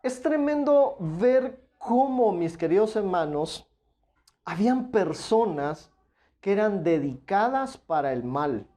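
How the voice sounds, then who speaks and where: A man's voice: high-pitched, sing-song, slow pace, mellow. A man preaching a Bible study sermon, earnestly addressing his listeners as dear brothers and stressing his points with emphatic repetition. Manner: emphatic, repeats "claro de que sí".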